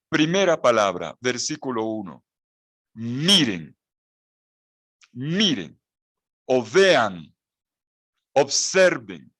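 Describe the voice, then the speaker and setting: A man, a priest giving a Bible lecture, teaching with slow emphasis and repeating key phrases. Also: mid-range voice, fairly bright tone. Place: house with a mountain view.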